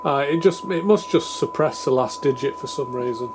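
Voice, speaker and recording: Speaking in a mid-range voice at normal speed, a man presents hobbyist radio repair. He improvises a casual technical demo, musing aloud tentatively and poking fun at himself, over a clear recording with humming background noise.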